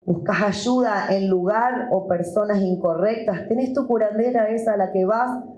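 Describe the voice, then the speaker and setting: A woman preacher with a Rioplatense Spanish accent, giving a dramatic sermon with long pauses and rhetorical questions. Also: mid-range voice, a little mellow, roomy sound, poor audio.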